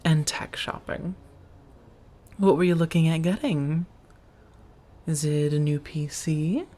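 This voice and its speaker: Playing a doting female vampire roommate for ASMR, a woman addresses a single listener intimately, gently teasing and caring for them. Her low, husky voice stays steady, breathy at the edges, as she sounds curious and playful, stretching out phrases and chuckling softly.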